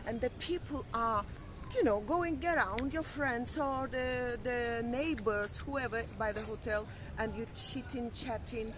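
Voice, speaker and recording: Woman co-host, casual chat, hesitant and searching for words, a little higher voice. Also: background noise.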